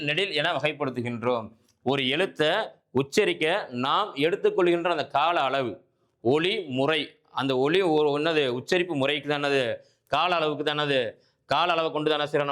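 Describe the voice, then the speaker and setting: A man's voice: fairly high pitch, fairly bright tone. A man teaching a grammar lesson, asking questions and answering them himself, repeating key points and often checking that listeners follow. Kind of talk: exam-prep grammar lesson.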